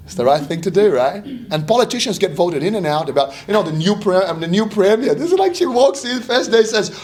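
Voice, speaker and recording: A man's voice: high-pitched, a little fast. Male motivational speaker, emphatic repetition and acted-out quotes, distant echoey sound with faint noise. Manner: animated, rhetorical questions, acts out imagined quotes; repeats phrases for emphasis. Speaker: speaker giving a wealth seminar. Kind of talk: motivational seminar talk.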